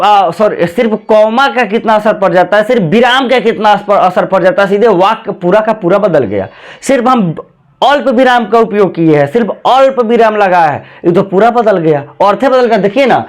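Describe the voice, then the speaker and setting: A man teaching grammar in a classroom lecture, repeating points and often calling his students "bhai". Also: sits high. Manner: repetitive, drawn-out explanations with frequent "bhai".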